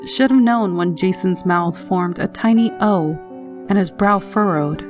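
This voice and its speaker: A woman with a slightly low voice narrates a scary story in the first person. Her delivery is measured and haunting, like scripted horror narration. Soft music plays behind her. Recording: narration over background music.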